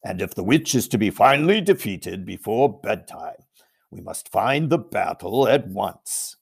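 A man voicing a noble, commanding male lion who speaks slowly and with authority. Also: lowish voice, sing-song, vocal fry, breathy edge, exaggerated voice.

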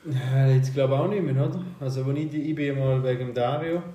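A man with a Swiss German accent tells wry little anecdotes in a casual tone. He sounds set back from the microphone. The room adds a clear echo. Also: medium pitch, fairly quick, warm tone, distant mic. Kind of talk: casual chat.

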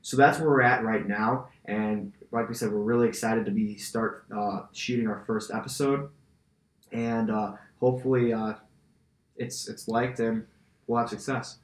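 Lowish-voiced American teenage guy, echoey room. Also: fairly even intonation, moderate pace. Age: teens. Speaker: student podcaster. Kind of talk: casual interview answers. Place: indoor school podcast studio. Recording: roomy, reverberant room sound.

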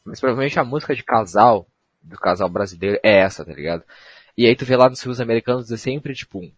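Young man, slangy solo podcaster, husky and dry. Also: mid-range voice, quick pace, dry recording. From Brazil. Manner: rambling, slangy, self-mocking. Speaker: podcast host. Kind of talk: casual solo podcast monologue.

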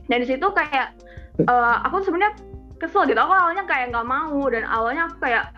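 Teen girl, high voice, earnest chatty church testimony, muffled recording with faint music behind. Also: expressive, fairly quick. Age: teens. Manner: earnest, chatty, heavy use of filler tags. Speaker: student giving a testimony. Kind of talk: church testimony, casual storytelling.

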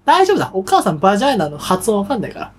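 A man's voice: high voice, huge pitch swings, racing. A young man co-hosting a podcast in casual chat, teasing his partner with joking banter. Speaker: podcast co-host.

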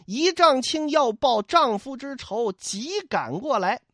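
In a humorous traditional storytelling style, a man tells a classic tale, lively and joking with the listener, adding asides and acting out mock sound effects. His voice is very high and slow, recorded dry in a clean studio.

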